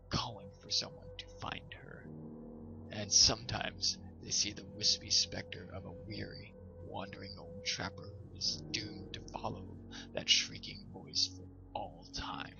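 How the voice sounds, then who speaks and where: Hosting a storytime show, a man reads a scripted ghost story aloud as narrator in a fairly low, steady voice with vocal fry, going a little slowly. Background music runs throughout, and the audio is slightly dull.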